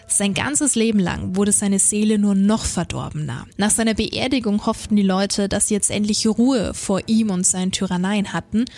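A woman podcast co-host reading a creepy first-person story aloud in a measured, suspenseful way. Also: medium pitch, darkish tone.

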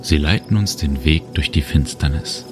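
A man narrating a guided relaxation journey, speaking slowly and soothingly. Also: a bass voice. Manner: slow, calm, soothing. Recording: music bed under voice. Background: music and cricket sounds.

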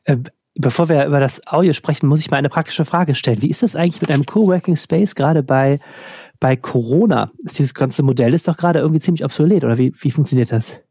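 Gravelly, husky German man co-host. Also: fairly high pitch, quick pace, dark tone, dry recording. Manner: thoughtful, hesitant, many fillers. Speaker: podcast co-host. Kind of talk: casual podcast discussion.

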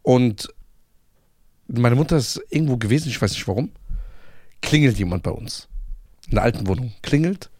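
Young man, casual chat, teasing, lively pitch, dry recording. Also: moderate pace, long pauses, no room sound. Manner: teasing, swears his stories are true.

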